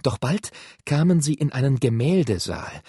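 Here a husky, expressive man narrates an audiobook from a script, speaking in a mid-range voice at a moderate pace. The sound is clean studio audio with no echo.

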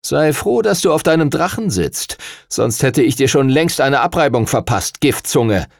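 A man's voice: mid-range voice, big pitch swings, measured pace, dry recording, clean studio sound, pitched above the performer's own voice. A man voicing a sneering, unfair boy dragon rider in a storybook reading, mocking and threatening.

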